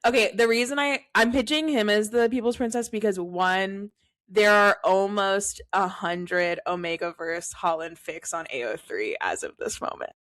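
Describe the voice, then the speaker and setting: A woman's voice: mid-range voice, moderate pace, a bit bright. A young woman co-hosting a casual podcast, rambling and laughing often as she talks. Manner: giggly, rambling fan talk. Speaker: podcast co-host. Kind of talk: casual chat.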